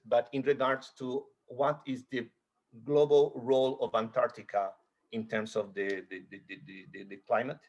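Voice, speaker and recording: A Chilean man who works as an expedition cruise guide appears as a guest on a video-call webinar panel, speaking in a medium-pitched, darkish voice. His delivery is halting, and he often repeats words while searching for what to say.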